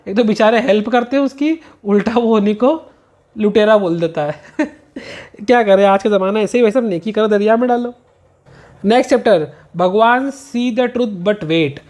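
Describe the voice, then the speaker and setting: A man teaching a revision lesson, reading English lines slowly and then explaining them quickly in Hindi. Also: sits high, darkish tone.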